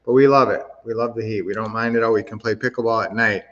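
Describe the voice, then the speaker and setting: A man's voice: fairly low pitch, fairly even intonation, fast talker, fairly bright tone, highs cut off. A man from Minnesota hosting a real estate investing livestream, chatting casually, answering chat comments and teaching with lots of fillers and restarts.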